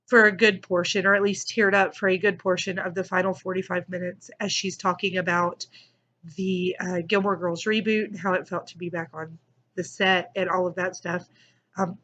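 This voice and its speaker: A woman's voice: mid-range voice, fairly bright tone, dull audio. A woman giving a casual, gushing book review in an effusive, enthusiastic manner.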